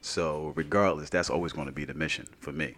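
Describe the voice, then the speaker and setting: A man's voice: extremely low pitch, steady tone, brisk, fairly bright tone. A man co-hosting a casual podcast, talking in an earnest, reflective way and often checking in with "you know what I mean". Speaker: podcast co-host.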